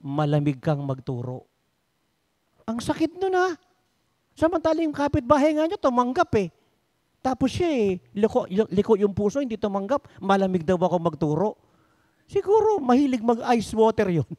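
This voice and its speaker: Man, very high voice, lively preacher, dry close sound. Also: normal speed, no echo. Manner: lively preaching, swings between high exclaiming and low asides. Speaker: pastor. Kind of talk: sermon with storytelling.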